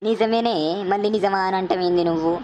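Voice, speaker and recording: A woman voicing a gossiping village neighbor woman, who chatters loudly. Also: medium pitch, quick pace, slight background noise, lightly acted. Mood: gossipy. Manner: loud calling, gossipy chatter.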